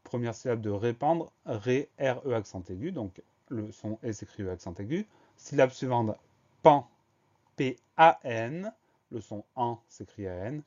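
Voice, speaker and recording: Guy doing a slow dictation lesson, spells every letter out, middle pitch, kinda dull lo-fi sound. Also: expressive, darkish tone. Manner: patient, methodical, spells letter by letter. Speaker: French teacher.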